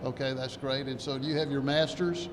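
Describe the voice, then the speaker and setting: A man's voice: mid-range voice, steady tone, brisk. A man hosting a conference interview, chatty and joking. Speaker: host. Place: conference hall, indoors. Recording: noisy reverberant hall.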